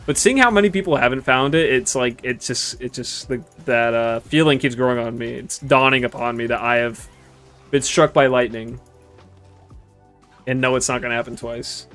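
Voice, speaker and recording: Over soft background music, a young man in his twenties speaks in a mid-range voice at normal speed. He's a gaming streamer rambling casually through gameplay commentary, relaxed as he chats with viewers and drops the occasional casual swear.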